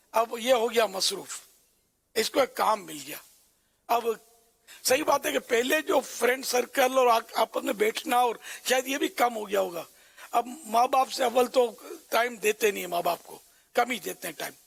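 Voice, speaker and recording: High, very gravelly male preacher. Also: a bit bright. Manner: conversational, rambling with fillers. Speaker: religious scholar. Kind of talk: religious talk.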